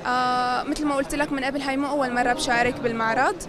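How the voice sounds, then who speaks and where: A woman's voice: high voice, steady tone, rapid-fire. A nineteen-year-old woman from Damascus with a Damascene Syrian accent, an earnest young painter describing her work in an interview. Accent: Damascene Syrian Arabic. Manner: youthful, earnest, some hesitations. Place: busy indoor exhibition hall. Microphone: handheld interviewer mic. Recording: crowd chatter behind.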